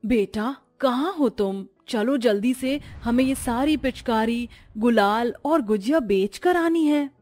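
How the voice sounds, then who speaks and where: A man voicing a poor, hardworking mother in a cartoon story, in a strained, pleading falsetto. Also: takes it slowly, few pauses, a little mellow, faint music behind. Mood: urging.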